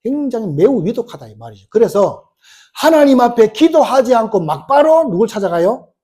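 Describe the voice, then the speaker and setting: A man's voice: very high-pitched, sing-song, moderate pace, dark tone, husky. A male pastor preaching a sermon, telling a story with many rhetorical questions and acting out the quoted lines. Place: church sanctuary.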